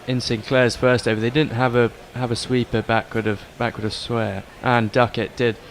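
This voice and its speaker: A man's voice: mid-range voice, flat delivery, normal speed. A man giving conversational tactical analysis as a summariser on a cricket broadcast. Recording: clear outdoor background noise. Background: outdoor ambience of a cricket ground.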